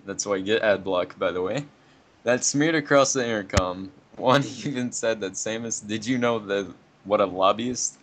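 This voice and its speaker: A young man with a fairly low voice reads a story out casually. He is sarcastic and keeps stopping to mock what he reads, over faint background noise. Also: moderate pace, a bit bright. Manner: sarcastic, breaks off to mock the text. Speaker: co-reader of a dramatic fan fiction reading. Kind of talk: casual read-aloud with mocking asides.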